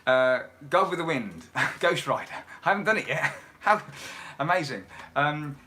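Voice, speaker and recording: A man's voice: on the high side, expressive, normal speed. A man hosting a casual livestream from home, chatting and reading out viewer comments. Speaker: livestream host and musician.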